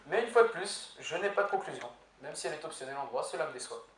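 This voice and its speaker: A young man, a law student, giving a prepared humorous speech in an eloquence contest, with deadpan, ironic punchlines. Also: a little high, fast. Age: young adult. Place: university lecture hall with audience. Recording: echoey hall, far from mic, faint noise.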